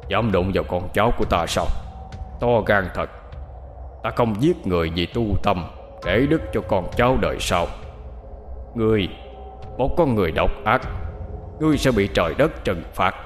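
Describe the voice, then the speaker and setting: Mãng xà tinh, a man doing a slow solemn serpent spirit. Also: fairly low pitch, animated, faint music behind, natural voice. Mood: stern. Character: giant ancient male python spirit, stern.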